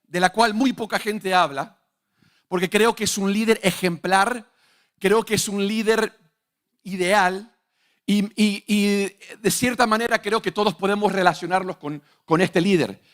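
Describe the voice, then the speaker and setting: A man's voice: high-pitched, measured pace, a bit bright. A young man preaching a sermon, emphatic and full of rhetorical questions to his congregation.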